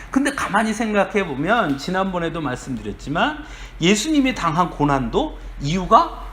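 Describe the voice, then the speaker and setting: A male pastor giving a sermon, animated, acting out quoted voices and chuckling often. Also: fairly high pitch. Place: church sanctuary.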